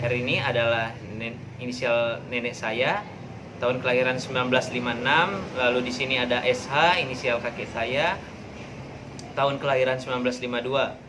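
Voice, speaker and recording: A young male informatics student walks through his class programming project in a plain, halting way, correcting himself as he goes. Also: medium pitch, background noise. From Indonesia. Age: young adult.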